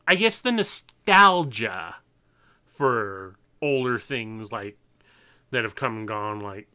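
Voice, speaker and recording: A man's voice: mid-range voice, pushed and bright, smooth. A young adult man giving an unscripted, earnest and exasperated opinion as an online creator, often stammering and repeating words as he restarts.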